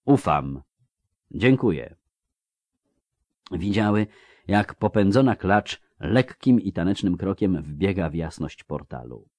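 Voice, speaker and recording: A man reading a fantasy novel aloud in a measured, dramatic way. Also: low voice, a little mellow, dry recording. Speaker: audiobook narrator. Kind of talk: scripted literary narration.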